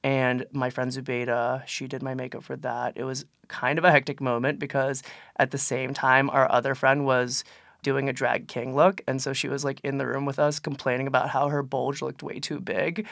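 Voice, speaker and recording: A young adult man co-hosting a podcast, chatting casually and telling stories in an informal, animated way. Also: mid-range voice, moderate pace, vocal fry, dry recording, studio quality. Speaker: podcast co-host. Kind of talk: casual chat.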